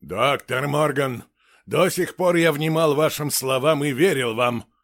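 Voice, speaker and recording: A man's voice: a little high, no room sound. A man playing a stern, commanding man. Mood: resolute. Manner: sharp and unyielding, slow and deliberate. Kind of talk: audiobook character voice.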